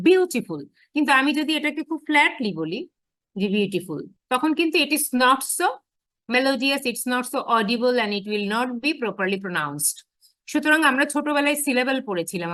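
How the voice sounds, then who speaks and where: Higher-pitched woman teaching, dry close sound. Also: fairly bright tone, dry recording. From Bangladesh. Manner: switches between careful slow English and brisk Bengali explanation. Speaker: university English teacher. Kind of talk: bilingual lecture on phonetics.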